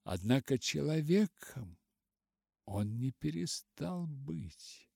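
Slow, gravelly male audiobook narrator. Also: mid-range voice, sing-song, dark tone, dry recording, studio quality. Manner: measured, dramatic reading with long pauses. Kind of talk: literary audiobook reading.

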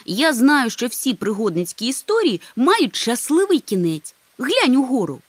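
A woman voicing a calm, reassuring male wandering creature. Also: sits high, moderate pace, no room sound, voice pushed up.

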